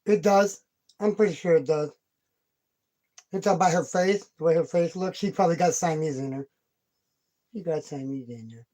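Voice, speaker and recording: A woman's voice: on the low side, moderate pace, pauses often, warm tone, low-quality recording. A woman hosting a casual livestream from home, cooing baby talk to her pet cat and chatting with viewers. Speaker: livestream host.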